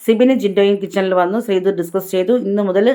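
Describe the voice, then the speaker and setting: Fast-talking woman recapping a show. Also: medium pitch, steady tone, mellow. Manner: chatty, tag-heavy retelling. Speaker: reality show recap vlogger. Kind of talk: casual episode recap narration.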